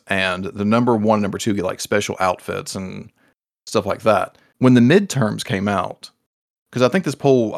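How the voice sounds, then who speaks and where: A low-pitched man with a gravelly, creaky edge to his voice, co-hosting a casual podcast about video games. He talks animatedly and shoots up into high, excited tones whenever he acts out his own reactions. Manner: animated, jumps into high excited voices when quoting himself. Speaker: podcast co-host.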